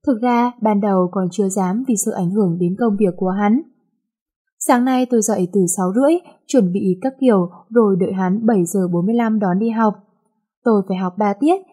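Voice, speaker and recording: A woman reading a first-person romance novel aloud in a lively, chatty way. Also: medium pitch, slightly rough. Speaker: storyteller.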